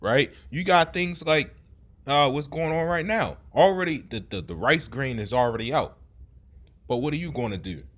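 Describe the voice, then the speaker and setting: A man's voice: mid-range voice, animated, moderate pace, fairly bright tone. A man giving an informal sermon in a rambling way, with many fillers and frequent rhetorical "right?" questions. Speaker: preacher.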